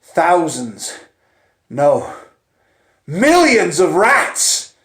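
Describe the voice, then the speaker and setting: With a voice on the high side and huge pitch swings, a man narrates a suspense story in first person before a live audience. His delivery is theatrical and deliberate, full of dramatic pauses, ranging from hushed near-whispers to loud urgency, in a roomy echoing space.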